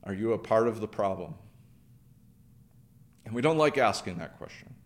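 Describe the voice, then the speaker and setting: A man's voice: lowish voice, animated, normal speed. Earnest man preaching a sermon. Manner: earnest preaching with repeated phrases and restarts. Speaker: pastor.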